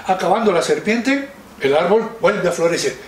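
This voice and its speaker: A man's voice: high-pitched, animated, moderate pace, slight background noise. A man voicing a grumpy, sleepy dragon who whines about being woken, told as a children's story. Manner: whiny, exasperated complaining. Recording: roomy, distant mic.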